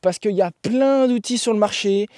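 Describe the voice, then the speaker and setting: A man's voice: sits high, normal speed, darkish tone, no echo, studio quality. A man who coaches endurance sport, explaining gear in a blunt, laughing, casual podcast chat.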